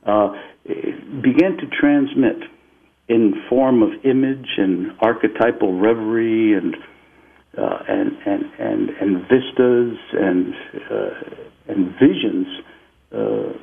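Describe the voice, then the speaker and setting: A man from Peru, an interview guest, telling a spiritual story in a slow, reflective way and often repeating "and" as he searches for words. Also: lowish voice, very animated, creaky. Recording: tinny phone-like line.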